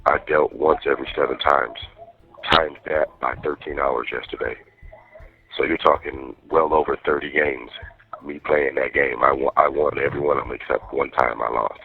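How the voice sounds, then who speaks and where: A man's voice: very deep voice, steady tone, moderate pace, gravelly. A man chatting casually on a prison phone, telling things in streetwise, profane slang over a muffled call. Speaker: jail inmate calling partner. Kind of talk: casual private phone chat from jail.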